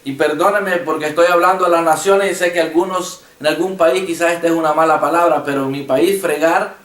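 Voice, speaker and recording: A man's voice: fairly high pitch, echoey room, far from the mic. A man preaching a passionate sermon as pastor, retelling conversations with his congregation. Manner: impassioned preaching with retold dialogue. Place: church.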